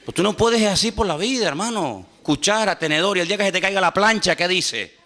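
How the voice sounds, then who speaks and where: A man preaching a sermon as a pastor, animated and humorous, acting out little dialogues. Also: high voice, quick pace. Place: church. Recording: church hall reverb.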